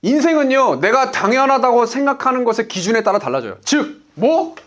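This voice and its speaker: In his forties, this business coach delivers an emphatic motivational lecture, posing rhetorical questions and answering them himself. His very high voice swings widely in pitch, moves fairly quickly, and sounds a bit bright.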